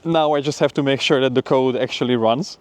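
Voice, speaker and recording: A young man, a PhD student who vlogs, gives a casual, upbeat update about his week in a conversational style. His voice is medium in pitch and somewhat dark, and he talks fairly quickly with no echo.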